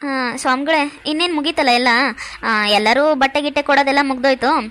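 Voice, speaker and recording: A woman's voice: sits high, brisk, a bit bright, low-quality recording. A woman voicing a jealous, scornful older aunt. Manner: scornful, grumbling. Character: sharp-tongued jealous older woman relative. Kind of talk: cartoon voice acting.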